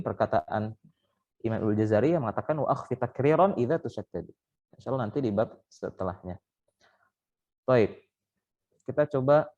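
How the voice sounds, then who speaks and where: A man teaches Quran recitation over an online call, patiently explaining each step and sounding out letters as examples. His voice is mid-range with a darkish tone, and the recording comes across muffled.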